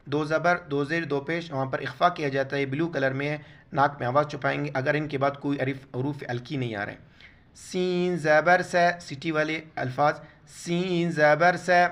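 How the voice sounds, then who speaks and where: Man, Quran recitation teacher, spelling letters word by word, slow drawn-out recitation, smooth clear voice. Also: fairly high pitch, fairly bright tone. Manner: spells out letters and vowel marks, then slowly draws out each recited word.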